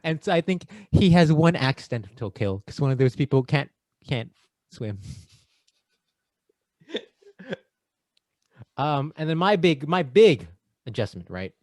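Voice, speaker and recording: A man co-hosting a podcast in casual chat, playful and quick to act out lines. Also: a little high, sing-song, darkish tone, dry recording. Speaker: podcast co-host.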